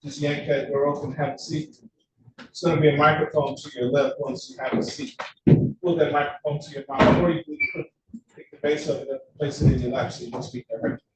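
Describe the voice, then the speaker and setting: A fast-talking male judge runs through procedure in a brisk, businesslike way. The courtroom recording is very echoey and picks him up from a distance. A steady layer of noise sits underneath. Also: on the high side. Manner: brisk, procedural, reads out case details.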